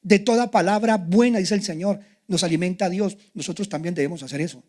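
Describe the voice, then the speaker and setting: A man's voice: high voice, fairly quick, darkish tone. An older man, a pastor, preaching a sermon in an emphatic, confessional way.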